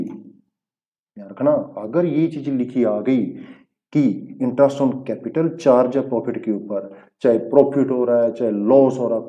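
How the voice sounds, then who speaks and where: In this lo-fi classroom recording, a man with a mid-range voice teaches accountancy, walking through the rules step by step. He asks checking questions along the way and blends English terms into his Hindi speech.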